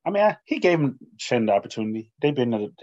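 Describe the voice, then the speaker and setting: A man's voice: mid-range voice, fast talker. Laid-back slangy man, dull lo-fi sound. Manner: relaxed, slangy, asks his co-host questions. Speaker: podcast co-host. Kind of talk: casual sports chat.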